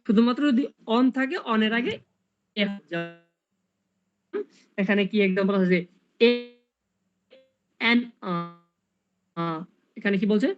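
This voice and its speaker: A man's voice: high-pitched, animated, slow pace, pauses often, dull audio, faint music behind. A man tutoring English grammar in a casual online lesson, explaining step by step and asking rhetorical questions.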